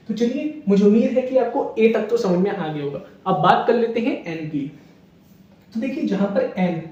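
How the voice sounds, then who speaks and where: Working through a grammar lesson, a male English teacher keeps asking and answering questions about each example in a high-sitting, dark-toned voice. He sounds far away in a dull, echoing room.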